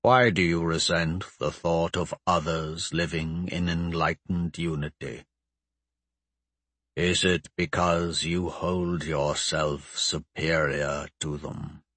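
A man voicing an ancient male lich, a cold and grandiose undead sorcerer who speaks in a slow, measured, commanding way. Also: rumbling low, steady tone, fairly bright tone, no room sound, voice pushed down, exaggerated voice. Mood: cold, probing. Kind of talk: audiobook character voice.

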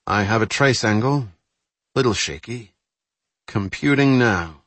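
An earnest young naval ensign reports figures precisely and briskly, a bit higher than a plain reading voice, as a male narrator voices him. The audiobook recording is dry. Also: lively intonation, a bit bright, no room sound, heavily acted. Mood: focused.

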